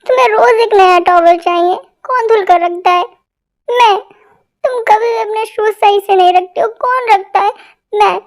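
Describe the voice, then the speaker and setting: A woman's voice: very high voice, moderate pace. A woman voicing a dramatic young wife in an amateur fan dub, talking in a whiny, sobbing, accusing way. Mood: tearful accusing.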